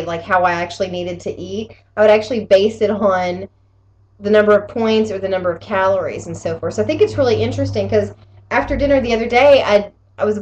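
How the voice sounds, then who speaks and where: Recorded with dull audio and steady, clearly audible room noise, a vlogger with a medium-pitched voice talks through her weekly health challenge. She's conversational and meandering, frequently rewording things as she goes along.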